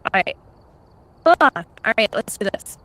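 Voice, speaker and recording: A woman's voice: on the high side, sing-song, unhurried, bright, forceful tone. A woman co-hosting a game live stream, giving short, blunt replies and swearing freely. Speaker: streaming co-host. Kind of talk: casual live-stream chat.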